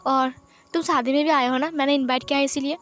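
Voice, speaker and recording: A woman voicing a lively, talkative young man in a storybook reading, teasing and pleading by turns. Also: high-pitched, fast. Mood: apologetic.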